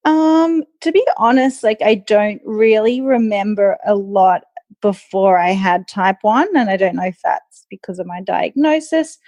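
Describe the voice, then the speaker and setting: A woman with an Australian accent speaks as a guest in a casual interview. She talks in a relaxed, easy way, often saying um and like. The sound is close and dry. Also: mid-range voice, measured pace, dry recording, muffled recording. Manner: relaxed, frequent ums and likes. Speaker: guest, nutritionist.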